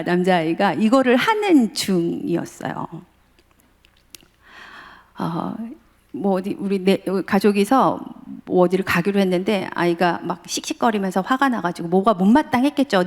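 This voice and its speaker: A middle-aged woman professor giving a sermon in a church in a chatty storytelling way, often laughing and acting out family quotes. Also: mid-range voice. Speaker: guest speaker, professor. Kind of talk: sermon at a dawn prayer service, conversational storytelling. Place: church sanctuary. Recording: long hall reverb.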